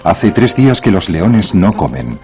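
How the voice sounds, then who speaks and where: A man's voice: lowish voice, lively intonation, a little slow, gravelly. A man reading scripted narration for a nature documentary. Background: music bed.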